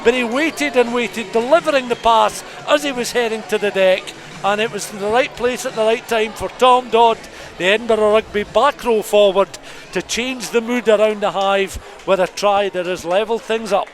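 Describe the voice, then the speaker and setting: A man with a high, fairly even voice gives descriptive rugby play-by-play for radio, speaking at a normal rate with few breaks. The crowd noise of the stadium fills the background of his detailed, scene-setting live call.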